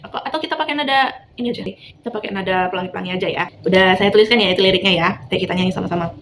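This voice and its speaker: A woman's voice: medium pitch, noisy background. A woman running an online training session for primary school teachers, encouraging and mixing in English phrases. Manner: sings example lyrics slowly to a nursery tune. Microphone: video call.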